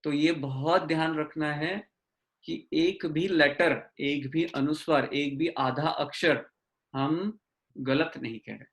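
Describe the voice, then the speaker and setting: Guy teaching a zoom class, kinda high voice, mixes english in, stretches out the words. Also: steady tone. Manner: explains slowly, mixing English into Hindi, drawing out each syllable. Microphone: video call.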